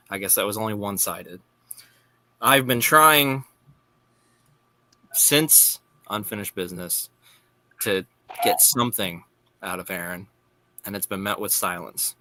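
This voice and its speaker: A man speaking as a wrestling champion in an in-character interview, earnest and deliberate with halting phrases. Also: lowish voice, sharp tone, no echo. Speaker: wrestling champion, panel guest.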